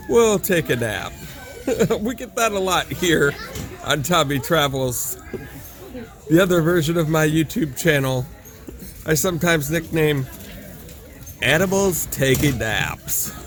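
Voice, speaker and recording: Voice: mid-range voice, lively intonation, slow pace, pauses often. A travel vlog host narrating animal sightings casually, in an awed, exclaiming manner. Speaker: host of a travel video channel. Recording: music behind the voice. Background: music.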